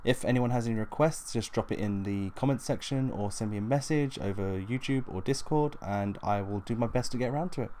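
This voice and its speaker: A man with a lowish, mellow voice talks fairly quickly and rarely pauses, with a little background noise. He hosts a tabletop gaming explainer video, narrating from loosely scripted notes in a matter-of-fact, instructional manner.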